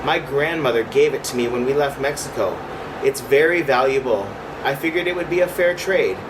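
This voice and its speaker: A man's voice: mid-range voice, fairly quick, lightly acted. A man reading a picture book to young children, voicing an earnest young boy. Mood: apologetic, earnest. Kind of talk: storybook read-aloud for young children. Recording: distant mic, clear background hum.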